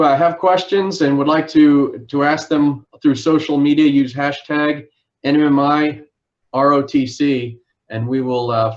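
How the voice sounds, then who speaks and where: A man working as a recruiting officer, hosting a live information session in a formal, orderly way with frequent filler pauses. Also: on the high side, lo-fi sound. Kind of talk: formal livestream presentation.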